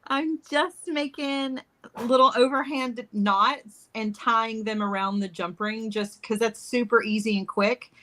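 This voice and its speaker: Brief: woman guest, bright forceful voice, friendly step-by-step crafting talk. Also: on the high side, steady tone, a little slow. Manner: friendly, explains steps while working. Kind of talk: casual demo chat. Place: southern United States.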